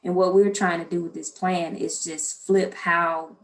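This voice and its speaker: A woman's voice: fairly low pitch, flat delivery, unhurried. An American woman, a city planning official, speaking earnestly in a virtual public meeting.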